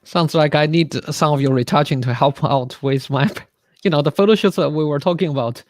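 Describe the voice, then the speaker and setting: A man hosting a webinar over a video call, enthusiastic and halting, often stopping to restart. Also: fairly high pitch. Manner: halting, many fillers and restarts, enthusiastic praise. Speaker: webinar host.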